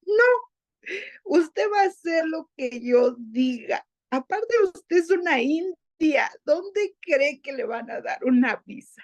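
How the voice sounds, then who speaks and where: A woman voicing a scornful, demanding wealthy woman employer in a shrill, contemptuous tone. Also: lively intonation, slow.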